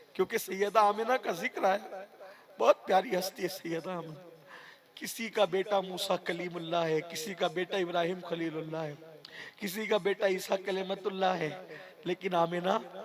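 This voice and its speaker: A man preaching an impassioned, emotional sermon at a religious gathering, at times rising to loud cries. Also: high-pitched. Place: gathering with a crowd. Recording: live event with crowd noise.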